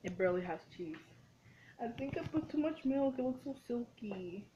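A young woman from a Mexican family chatting casually while cooking, full of "like" and "dude" and quick to say "ew". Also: fairly high pitch, lively intonation, mellow, highs cut off, a little hiss or hum. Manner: chatty and easily grossed out, lots of "like" and "dude". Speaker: vlogger. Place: dim home kitchen.

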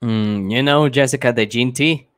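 Young man, livestream host, relaxed casual chat, clear resonant voice, close dry mic. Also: mid-range voice, normal speed, no echo. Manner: relaxed, chatty, amused.

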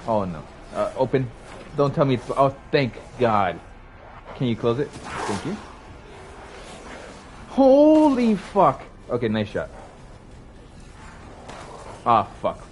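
A man's voice: medium pitch, measured pace, long pauses, slight background noise. A young man streaming a horror game, reacting with panicked, swearing outbursts and running commentary. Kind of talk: live gameplay commentary.

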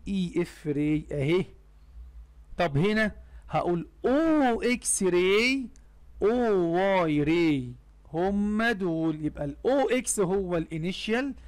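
A young man with an Egyptian Arabic accent and a high voice teaches a math lesson. He walks through each step, poses questions and answers them himself, and drops English math terms into his Arabic.

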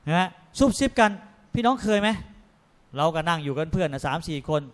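A man lecturing on a religious panel in a lively, joking way, acting out people's voices in his stories. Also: on the high side, a little fast. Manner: often tags sentences with polite particles. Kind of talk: religious panel talk to an audience.

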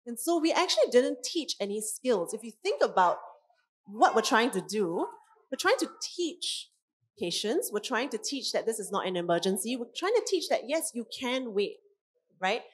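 A woman, a parenting coach giving a lively conference talk in which she acts out parents' voices. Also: on the high side, normal speed.

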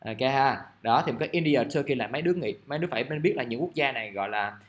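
A man, teaching English grammar in a casual, chatty way and reading example sentences out slowly. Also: mid-range voice, animated. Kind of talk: casual classroom explanation. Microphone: recording device at his desk.

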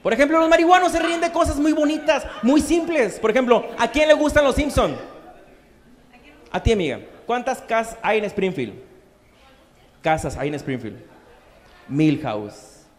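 A man's voice: very high-pitched, expressive, normal speed, long pauses. A man doing a crude, slang-heavy stand-up comedy set on stage in a comedy bar. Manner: crude, slangy punchlines with acted-out quotes. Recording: live club with long reverb.

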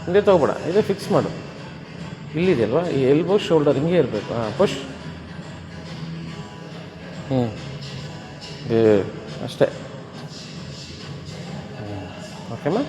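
A man coaches a workout, giving firm, repeated commands and short explanations. His voice sits at a middle pitch and carries a long, roomy reverb. Soft music plays behind him. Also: expressive, slow pace, pauses often. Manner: firm, repetitive gym commands mixed with explanation. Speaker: fitness trainer.

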